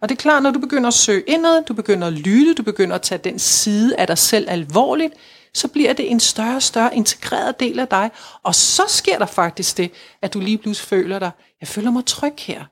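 A woman's voice: fairly high pitch, expressive, breathy edge. Earnest woman coaxing spiritual talk. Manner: earnest, repetitive, coaxing, acts out inner voices. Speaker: spiritual guide. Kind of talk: casual spiritual conversation.

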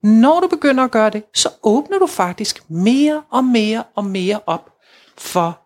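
A woman with a fairly high, expressive, slightly mellow voice chats casually about spirituality as a spiritual guide. She is earnest and coaxing, repeats her points, and acts out inner voices.

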